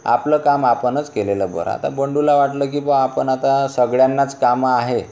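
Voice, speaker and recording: A man's voice: medium pitch, fairly even intonation, normal speed, a little mellow. A male schoolteacher with a Marathi accent, explaining a story lesson to a class in a patient way, often asking the class rhetorical questions. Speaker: teacher.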